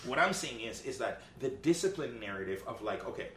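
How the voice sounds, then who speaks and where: A man co-hosts a casual debate, pressing his point and repeating himself. He talks at a brisk clip. The room gives his voice a noticeable echo, with faint ambience behind him. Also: mid-range voice, lively intonation, fairly bright tone, a little hiss or hum. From Jamaica. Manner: insistent, repeats himself, talks over others.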